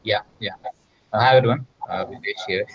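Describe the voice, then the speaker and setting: Male, Kannada Indian accent, lower register, casual participant on a slightly muffled online call. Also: fairly quick, husky. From Bangalore, India. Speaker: participant, performance marketer. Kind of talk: casual chat. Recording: dull lo-fi call audio.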